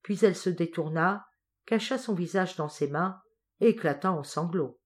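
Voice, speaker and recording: A woman narrating an audiobook of a classic novel in a measured, expressive reading. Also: lowish voice. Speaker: audiobook reader.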